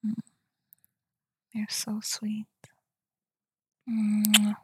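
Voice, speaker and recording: A woman whispering softly in a tender, soothing ASMR roleplay, speaking close to the mic. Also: medium pitch, monotone, no room sound. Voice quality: breathy whisper. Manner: soft, tender and soothing, slow murmurs. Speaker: girlfriend roleplayer.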